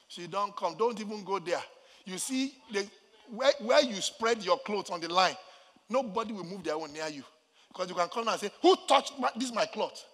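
A Nigerian pastor preaches a sermon in a large hall, his voice sitting high. He swings between quiet asides and shouted, sing-song lines.

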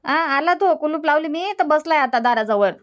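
Cartoon: elderly village mother, high, sharp-tongued, stubborn. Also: expressive, fairly quick, muffled recording. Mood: complaining. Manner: scolding, repetitive, dismissive. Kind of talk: cartoon comedy dialogue.

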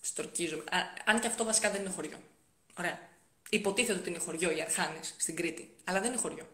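A young woman on a casual live stream, chatting as she reads viewer comments aloud and answers them, often dropping to soft-spoken asides. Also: on the low side. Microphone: phone. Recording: roomy phone audio.

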